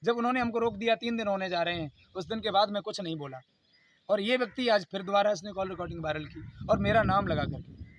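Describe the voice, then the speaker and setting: In an unscripted video statement, this man, a YouTube channel host, talks quickly with a voice that sits high. He comes across as aggrieved and insistent, pleading and repeating himself, over a slight hiss or hum.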